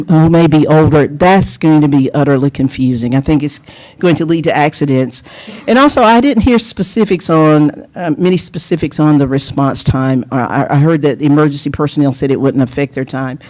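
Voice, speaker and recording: An older woman from North Carolina giving an earnest, measured public comment at a council hearing, with a little wry humor. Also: deep voice, a little mellow. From Lenoir, North Carolina. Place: city council chambers.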